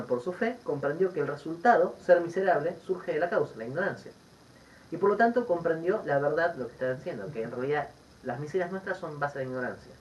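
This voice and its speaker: A Buddhist teacher with a Rioplatense Spanish accent, giving a Dharma teaching full of stories and asides. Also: mid-range voice. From Argentina. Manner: lively storytelling with asides and laughter. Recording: distant dull recording with faint background noise.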